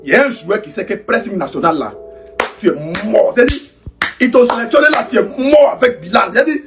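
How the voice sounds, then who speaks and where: An exasperated man rants about his team, his voice pitched very high. He keeps repeating himself and bursts into shouts. Faint music plays under him. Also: animated, a little fast, recorded from a distance. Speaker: football fan. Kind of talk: angry fan rant.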